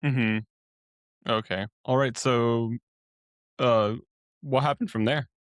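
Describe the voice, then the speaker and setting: A man's voice: mid-range voice, steady tone, slow pace, no echo, studio quality. Man asking short interview questions. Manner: brief questions and backchannel affirmations. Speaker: podcast host. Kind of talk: interviewer prompts.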